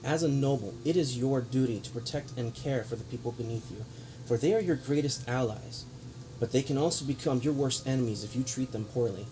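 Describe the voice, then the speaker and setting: A man's voice: mid-range voice, a little fast, natural voice. A man playing a righteous, stern adventurer delivering a solemn, grandiose monologue in a tabletop role-play. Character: righteous noble-minded adventurer lecturing sternly. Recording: clear background noise.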